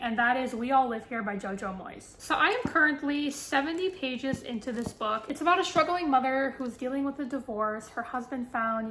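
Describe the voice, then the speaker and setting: A woman's voice: fairly high pitch, a bit bright, roomy sound, a little hiss or hum. A woman book vlogger chatting casually to camera about her reading list, with lots of fillers and self-deprecating asides.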